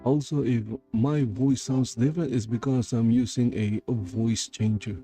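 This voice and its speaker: A man's voice: medium pitch, fairly even intonation, normal speed. A man streaming a game through a voice changer, rambling and thinking aloud as he plays. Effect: voice changer shifting his voice. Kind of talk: casual gameplay commentary. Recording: game music playing clearly behind.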